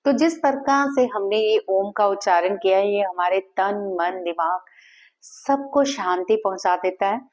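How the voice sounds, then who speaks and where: Woman, Reiki teacher, calm guided-meditation delivery, mid-pitched voice, steady soft repetition. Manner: calm, slow guiding with repeated chanted words.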